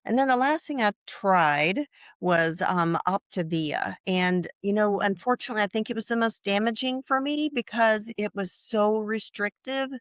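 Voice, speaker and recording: A woman in her sixties, interviewed as a client, talking in a halting way with many fillers and restarts. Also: medium pitch, no echo, studio quality. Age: 60s. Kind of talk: casual interview.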